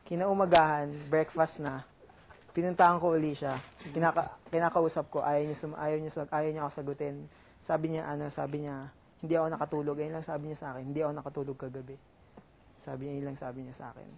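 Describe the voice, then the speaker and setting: A young man with a Filipino accent telling a story in casual chat, halting with many fillers and restarts. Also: a little high, level tone, gravelly. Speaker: reality show housemate.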